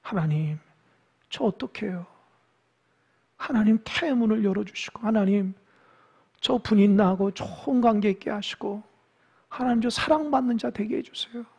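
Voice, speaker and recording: A preacher acting out Hannah, a grieving childless woman, in a tearful, pleading voice that drops to a hush at times. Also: mid-range voice, normal speed, vocal fry, pauses often, husky, highs cut off.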